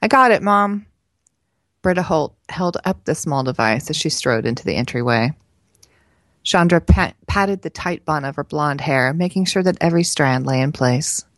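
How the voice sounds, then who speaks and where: Woman, narrating a novel excerpt, deep voice, dry room. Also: normal speed, dry recording. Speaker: podcast co-host. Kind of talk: reading a novel excerpt aloud.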